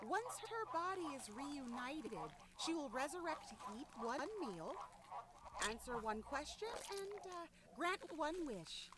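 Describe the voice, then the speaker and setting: Actress plays a smug curator, very high, unhurried, sing-song line reads. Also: female voice, sing-song. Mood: explaining. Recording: audible background hiss.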